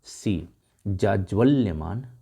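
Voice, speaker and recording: A man with a very dark, mellow voice walks through an exam paper. His voice sits somewhat low, and he reads each option slowly before moving on briskly to explain the correct answer. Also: expressive, vocal fry, slightly rough. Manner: addresses viewers as dear friends. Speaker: Hindi exam tutor.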